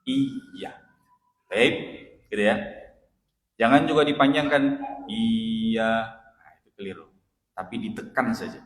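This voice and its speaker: A male ustadz teaching Quran recitation in a mosque study session, patiently correcting pronunciation and chanting Arabic phrases slowly. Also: mid-range voice, lively intonation. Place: mosque hall. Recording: echoey mosque hall, roomy reverb.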